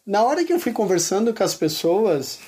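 A man's voice: high voice, sing-song, fairly quick, darkish tone, slight background noise. A man speaking as an interview guest, telling a candid personal story in an earnest, colloquial way with lots of casual fillers.

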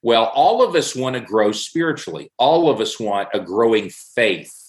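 A man's voice: mid-range voice, very animated, normal speed. Middle-aged man telling an earnest story in a roomy space. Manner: earnest storytelling with repeated emphatic phrases. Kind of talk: casual faith discussion. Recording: roomy echo.

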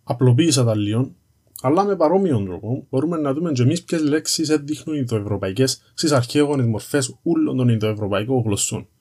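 Mellow, husky Cypriot Greek man narrating. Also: medium pitch, expressive. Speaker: presenter of an educational series on language history. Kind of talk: conversational scripted narration, explaining and storytelling.

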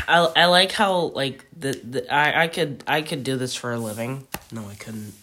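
A man's voice: mid-range voice, unhurried, noisy background. A teenage boy co-hosting a casual podcast, rambling and swearing constantly while mumbling to himself as he draws. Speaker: podcast co-host.

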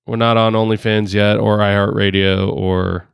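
A man's voice: lowish voice, little pitch movement, normal speed, creaky, clean tone, dry recording, clean studio sound. A man hosting a casual podcast chat, rambling with lots of fillers and frequent laughs, hamming up a New York accent. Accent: put-on New York. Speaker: podcast host. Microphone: headphones and home podcast rig.

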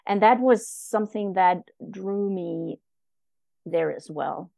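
Slow, mellow-voiced woman. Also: medium pitch, gravelly, no room sound. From Germany. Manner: halting, reflective, heartfelt. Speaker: guest. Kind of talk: casual conversation.

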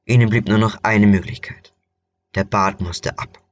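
A man's voice: fairly low pitch, steady tone, a little slow, muffled recording. A man narrating a fairy tale in a plain, conversational storytelling style.

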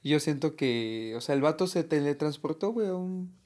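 A man with a Mexican accent muses aloud in a relaxed chat, piling on slang and restarting his thoughts as he goes. His voice sits somewhat high for a man. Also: normal speed. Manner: speculative, slangy, thinks aloud with many restarts. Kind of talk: casual podcast chat.

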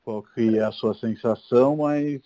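A man's voice: medium pitch, a little slow, dark tone, no echo, muffled recording. A man in his thirties hosting a podcast, chatting in a friendly, agreeable way and dropping in English words. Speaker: podcast host. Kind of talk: casual podcast chat.

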